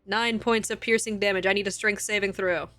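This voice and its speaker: A woman's voice: medium pitch, steady tone, fairly quick, a bit bright. A woman acting as game master, narrating a tabletop game in a casual way with easy laughs between rules calls.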